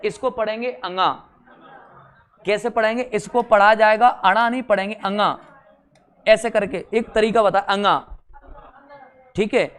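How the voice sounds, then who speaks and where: A man's voice: high voice, fairly even intonation, a little slow, pauses often, fairly bright tone, smooth. A male teacher giving an exam-prep grammar lesson, drilling syllables in chanted rows, joking along the way and repeating "theek hai" often.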